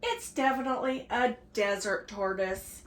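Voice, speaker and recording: A woman's voice: medium pitch, a little slow, lightly acted. A woman reading a storybook aloud and voicing the patient mother of the family on a desert hike. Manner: patient, explaining. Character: a mom on a desert hike, explaining. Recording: roomy echo, faint background hiss.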